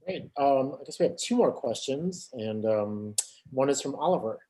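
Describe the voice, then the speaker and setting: Brief: male moderator on a video call, mellow tone, matter-of-fact question reading. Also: medium pitch, lively intonation, moderate pace, poor audio.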